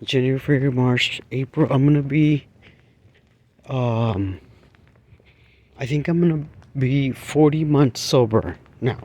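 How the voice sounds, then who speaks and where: Guy walking and talking outside, slow and rambly, lots of ums and restarts, cars going by. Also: mid-range voice, a little mellow. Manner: rambling, halting, with many fillers and restarts. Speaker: vlogger. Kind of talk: walking vlog, casual rambling talk. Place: outdoors, walking along a street.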